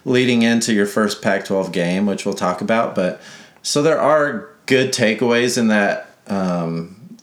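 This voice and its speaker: This young man from Mississippi co-hosts a casual sports podcast, rambling, correcting himself and showing a playful streak. His voice is lowish and his pace measured. The recording comes from an echoey room.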